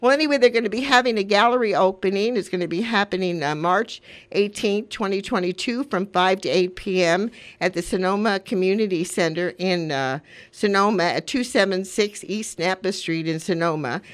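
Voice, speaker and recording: Een vrouw van in de tachtig, die als radiopresentatrice mededelingen doet en er oprecht en uitweidend bij praat. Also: female voice, medium pitch, normal speed. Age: 80s. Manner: earnest, rambling, conversational. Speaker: community radio host. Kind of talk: casual radio talk with announcements.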